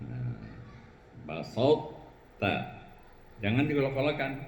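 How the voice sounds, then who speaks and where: A man gives a very slow, deliberate recitation lesson, pausing between each short phrase. His explanations alternate with long chanted examples of the verses. The sound carries a long, roomy hall echo. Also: mid-range voice. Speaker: Quran recitation teacher.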